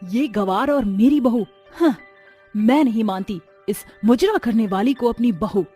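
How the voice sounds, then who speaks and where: A woman's voice: fairly high pitch, measured pace, dark tone, slightly rough, soft background music. A woman voicing a scornful, haughty middle-aged city mother-in-law who scolds and sneers.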